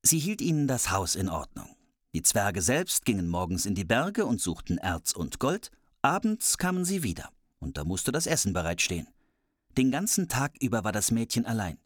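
Someone reading a fairy tale aloud in a lively, playful way, adding cheeky asides. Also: mid-range voice, normal speed, no room sound, studio quality. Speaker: storyteller.

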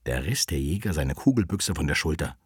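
A man reads a children's fairy tale aloud with expressive, animated delivery. His voice is deep with a husky grain and moves through a wide pitch range. The recording is dry and close. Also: brisk, no echo. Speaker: storyteller.

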